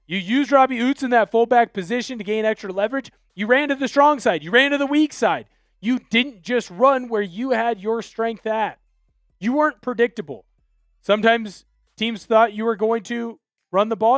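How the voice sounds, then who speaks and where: Hosting a live football talk stream, a young man from Washington State in the USA reads out viewer texts, opinionated and fired up. His voice is high-pitched and the recording is dry.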